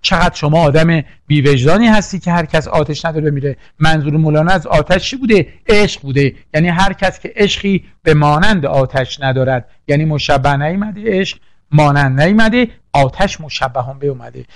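A man's voice: fairly high pitch, no room sound. A man teaching a poetry lesson for exam prep, drilling lists and quizzing the class with questions. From Iran. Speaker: literature teacher.

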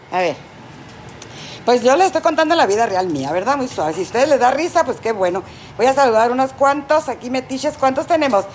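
A woman's voice: fairly high pitch, a little hiss or hum. Tipsy, foul-mouthed Mexican woman cooking. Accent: Mexican Spanish. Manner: crude, joking, rambling storyteller. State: tipsy and high. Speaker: cooking livestream host. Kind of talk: casual livestream chat while cooking.

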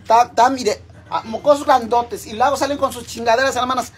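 A little high and steady in tone, a middle-aged woman speaks briskly with a Mexican Spanish accent. She's hosting a crude, joking cooking chat live from her home kitchen, calling the viewers sisters, with slight background noise.

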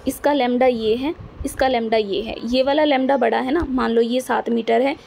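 A woman's voice on the high side, gravelly and darkish, delivers a physics lecture at normal speed with fairly even intonation; slight background noise is present. She patiently restates points and checks often that students understand.

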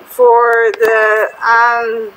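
A woman hosting a casual gaming video, chatty and excitable, often exasperated with other players. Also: on the high side, extremely slow, poor audio. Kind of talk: casual gameplay commentary.

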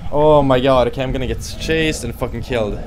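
A man's voice: medium pitch, a little fast, background noise. A young man reacting to a horror game as a scared, jumpy streamer, yelping and swearing. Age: young adult. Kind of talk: reactive gameplay commentary. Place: small bedroom setup, indoors.

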